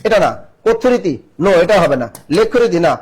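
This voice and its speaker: A man teaching a live online exam-prep class, quizzing students and repeating questions while urging quick answers. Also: high-pitched, very animated, darkish tone, slightly rough.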